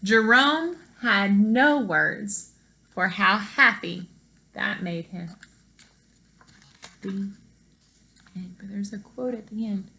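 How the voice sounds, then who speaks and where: The recording is of poor quality: a medium-pitched woman reading a picture book to kids. Her delivery is expressive and teacherly, with pauses to explain terms and question the young audience.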